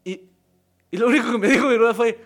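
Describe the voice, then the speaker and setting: A man's voice: very high voice, fast talker, background noise. A man with a Mexican accent who jokes, teases and swears casually as a podcast co-host. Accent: Mexican Spanish. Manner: joking, teasing, profane. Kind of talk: casual joking chat.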